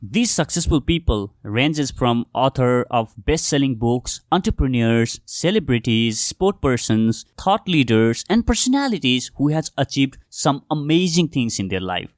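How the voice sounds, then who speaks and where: Young man, mid-pitched, earnest solo podcast host talking to "guys", dry close sound. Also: sing-song, unhurried, few pauses, dry recording. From Nepal. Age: young adult. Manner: earnest, addresses listeners directly as "guys". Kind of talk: scripted solo podcast monologue.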